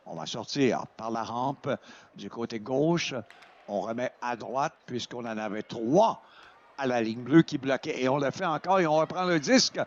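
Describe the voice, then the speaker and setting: A man with a Quebec French accent doing excited sports commentary as a play-by-play announcer, exclaiming over the action. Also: medium pitch, moderate pace, dull audio. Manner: exclaims over plays, voice surging at shots and goals.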